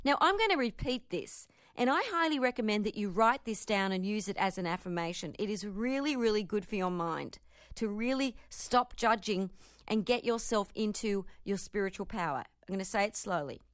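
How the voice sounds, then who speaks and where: A woman's voice: medium pitch, expressive, normal speed, dry recording, studio quality. A woman spiritual teacher reading a spiritual text aloud and commenting on it in an earnest, emphatic way.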